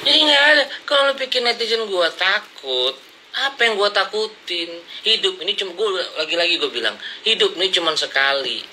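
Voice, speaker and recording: A man's voice: sits high, lively intonation, normal speed, pushed and bright, slight background noise, low-quality recording. A man ranting at his critics in blunt, confrontational slang, lecturing them from his seat. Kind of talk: heated casual rant to camera. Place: seated indoors, smoking and drinking coffee.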